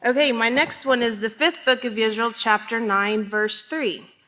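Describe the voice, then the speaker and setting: A woman's voice: a little high, steady tone, normal speed, bright, forceful tone, big-room sound, slight background noise, rough recording. A middle-aged woman giving a speech to a congregation at a pulpit microphone, addressing listeners directly and personally. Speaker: religious speaker. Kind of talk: speech to a congregation with read-out quotes.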